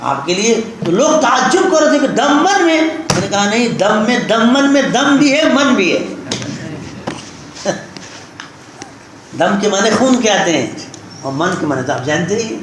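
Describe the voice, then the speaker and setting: High-voiced male preacher in an echoey hall. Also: big pitch swings, pauses often, fairly bright tone. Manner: tells a story and addresses listeners directly. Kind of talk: sermon with storytelling. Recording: very echoey hall with background noise.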